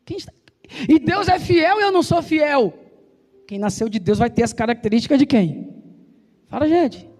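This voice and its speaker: A man with a Brazilian Portuguese accent preaching a sermon in a church, talking fast and loud and firing call-and-response questions at the congregation. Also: very high voice, lively intonation. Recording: reverberant church hall with soft instrumental music.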